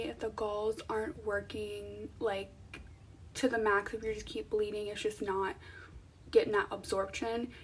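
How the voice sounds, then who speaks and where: A woman's voice: mid-range voice, recorded from a distance, slight background noise. A young woman talking casually to viewers in an informal, conversational vlog style. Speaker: vlogger. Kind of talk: casual chatty vlog to camera.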